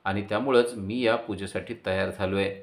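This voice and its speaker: A man's voice: lowish voice, steady tone, moderate pace, lightly acted. A man voicing a young man, a playful younger brother pleading and joking with his sister.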